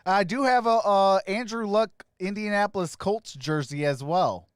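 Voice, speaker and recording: A man hosting a sports live stream, casually greeting viewers by name and giving shout-outs as he reads their comments. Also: sits high, normal speed, smooth, no room sound, clean studio sound.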